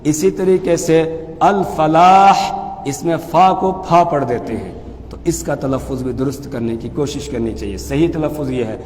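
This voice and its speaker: A man teaching as a mufti, explaining pronunciation calmly and then chanting phrases slowly and loudly. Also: mid-range voice, big-room sound, slight background noise. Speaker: mufti teaching the call to prayer. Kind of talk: religious lesson with chanted demonstrations.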